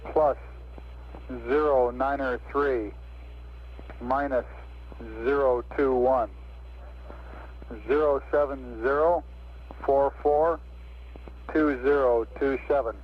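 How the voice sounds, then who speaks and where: Male mission control operator, crackly military radio, dull sound with light static, procedural calls. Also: mid-range voice. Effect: crackly military-style radio. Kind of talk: procedural radio talk, reading out figures.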